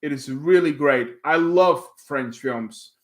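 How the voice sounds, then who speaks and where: This livestream host, a man with a Dutch accent who speaks Dutch natively, takes things slowly in a slightly high voice. He chats casually with viewers and reads their comments, rambling with many fillers and restarts.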